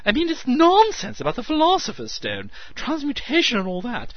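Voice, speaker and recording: A man voicing a skinny, eccentric male alchemist who talks in a shrill, piping, hysterical gush. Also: huge pitch swings, unhurried, husky, no room sound, muffled recording, full character voice. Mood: hysterically excited. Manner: hysterical, breathless, gushing.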